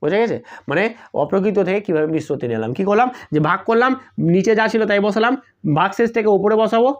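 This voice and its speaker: Math tutor, man with a high voice, patient step-by-step explainer, dull lo-fi recording. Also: lively intonation, fairly quick. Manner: explains step by step, repeats key terms, checks "got it?" often. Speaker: math teacher. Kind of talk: online exam-prep math lesson.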